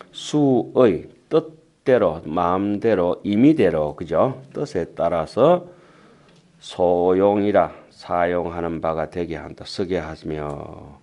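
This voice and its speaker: Lowish-voiced monk guy, gyeongsang accent, reads the sutra slow then rattles off quick jokes to the hall. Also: darkish tone. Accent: Gyeongsang dialect. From Gyeongsang region of Korea. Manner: slow deliberate reading of the text, then quick chatty asides to the audience. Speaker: Buddhist monk lecturer. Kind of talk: sutra lecture to lay Buddhists. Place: temple lecture hall with an audience.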